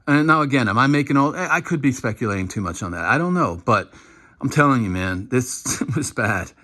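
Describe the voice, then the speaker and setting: A man giving casual, animated commentary while breaking down football game film, now and then acting out what the players shout. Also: medium pitch, brisk. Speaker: football analyst.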